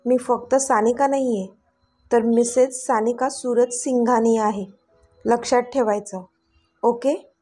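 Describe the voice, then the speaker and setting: A scheming young woman in a storybook tale, put on by a woman narrator. She teases and sneers, with a slightly high voice. Faint music plays underneath. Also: fairly even intonation, measured pace, mellow, husky. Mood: menacing. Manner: teasing, sneering.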